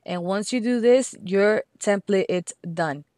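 A woman with a Spanish accent talks through a software craft tutorial step by step, slowing down to repeat each number. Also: medium pitch, no room sound. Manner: patient, repeats steps and numbers slowly.

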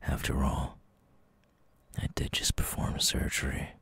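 A man playing a menacing, teasing eyeless night creature in an ASMR roleplay, whispering in a breathy, gravelly, slow and deliberate way. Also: pushed and bright, dry recording. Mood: darkly fond.

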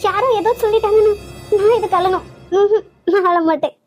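A woman voicing a hurt, hot-tempered elder sister who speaks slowly and low, with a Kanyakumari Tamil accent. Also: steady tone, faint music behind. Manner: slow, lower, subdued.

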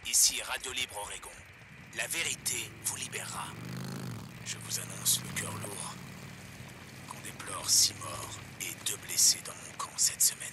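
A ranting pirate radio host. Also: male voice, lowish voice, measured pace, background noise. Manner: ranting, conspiratorial, crude. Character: paranoid male survivalist radio ranter. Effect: pirate radio broadcast.

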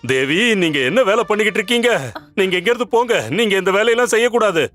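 A man's voice: high voice, quick pace, fairly bright tone, soft background music. An older man playing a pompous royal priest who now believes he is a servant, in a dubbed period comedy series. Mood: groveling. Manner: groveling, then blustering and commanding.

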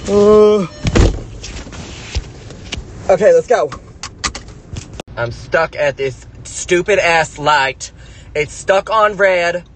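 A man's voice: high voice, very slow, long pauses. Young man, casual vlog chat, lots of fillers, noisy phone audio. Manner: chatty, filler-heavy, swears when annoyed. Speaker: vlogger. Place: home and in a car. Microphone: handheld phone.

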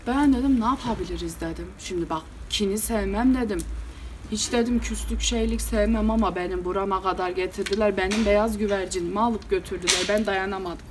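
Hot-tempered male village headman, performed by a woman, telling his tale solo, animated and fed up. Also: mid-range voice, fairly quick, noisy background, natural voice. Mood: exasperated. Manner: animated, exasperated, repeats "I said". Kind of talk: solo storytelling performance, meddah style.

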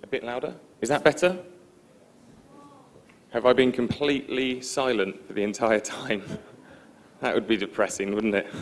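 A man giving a conference presentation in a relaxed, informal, self-deprecating way, with frequent ums. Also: fairly low pitch, moderate pace. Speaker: conference speaker. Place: conference stage before an audience.

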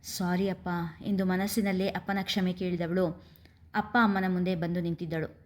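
A woman's voice: fairly low pitch, level tone, moderate pace. Woman reading a family story aloud. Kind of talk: scripted story narration.

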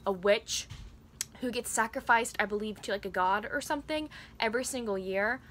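A woman's voice: on the high side, normal speed, fairly bright tone. A woman, chatting casually and giggling often in a reading vlog filmed in her bedroom. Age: 20s. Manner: chatty and giggly, with frequent laughs and fillers. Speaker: book vlogger. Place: cluttered bedroom with bookcases, indoors.

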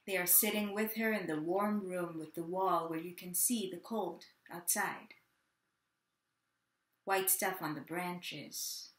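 A woman actor gives a staged reading, on book, of a dramatic third-person monologue voicing a confused, childlike mother with memory loss, halting and filled with wonder. Her voice sits at medium pitch and is a bit bright, with slow, wondering delivery and lingering pauses, captured with roomy webcam sound in a plain room at home.

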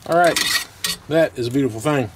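With a medium-pitched voice and a brisk pace, a middle-aged camping vlogger casually explains his cooking step by step at an outdoor camp stove. He comes across as folksy. Background noise is clearly audible on the outdoor camera recording.

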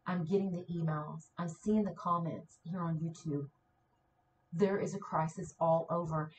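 Woman ministry leader, low-pitched, fervent declarations, faint background noise. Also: rough recording. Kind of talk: encouraging sermon to viewers.

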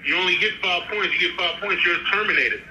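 A man's voice: high voice, quick pace, over a noisy crowd. A man answering a store phone, heard through a speakerphone, talking in a casual, blunt, firm way and repeating himself. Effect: telephone. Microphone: heard through a phone's loudspeaker. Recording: echoey, noisy speakerphone call.

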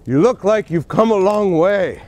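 With a high, slightly mellow voice, lively intonation and a somewhat slow pace, a man in his thirties co-hosts a comedy sports show outdoors in the snow next to a stadium. His delivery is theatrical and solemnly earnest, all for laughs.

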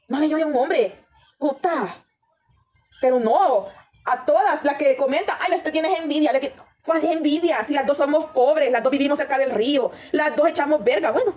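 A TikTok livestreamer with a Salvadoran accent and a high, slightly mellow voice rants bluntly through gossip commentary, swearing a lot. She talks straight to her viewers, tossing them tag questions.

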